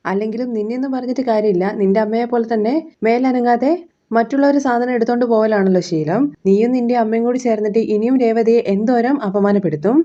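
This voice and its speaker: A woman's voice: a little high, warm tone, lo-fi sound, close to an everyday voice. A woman voicing a stern father who reproaches his son bitterly, read out in a recap.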